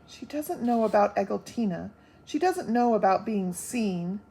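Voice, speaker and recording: A woman voicing an anxious little storybook wife who talks in a high, fretful, pleading way. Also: expressive, a little slow, vocal fry, mellow, husky, heavily acted, rough recording. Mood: insistent.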